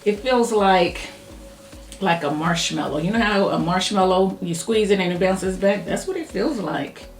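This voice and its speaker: A woman chatting casually as she reviews a hair product, talking fast and thinking aloud while she styles her hair. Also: medium pitch. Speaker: hair care YouTuber. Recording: echoey room with faint music.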